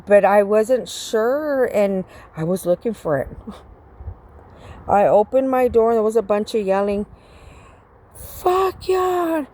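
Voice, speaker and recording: A woman's voice: medium pitch, unhurried, dark tone. A middle-aged woman telling a story casually to her viewers, rambling and swearing, with many fillers. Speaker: vlogger.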